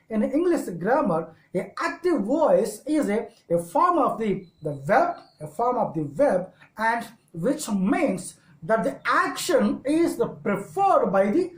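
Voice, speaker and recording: Woman teaching grammar with a Telugu accent. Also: on the high side. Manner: repetitive, halting phrasing. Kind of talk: grammar lesson. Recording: echoey room.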